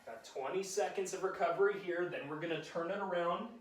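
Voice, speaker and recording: A man's voice: sits high, brisk. A man leading a live workout class, giving upbeat, encouraging countdown cues with a joking edge. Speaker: fitness instructor. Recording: roomy sound, mic at a distance.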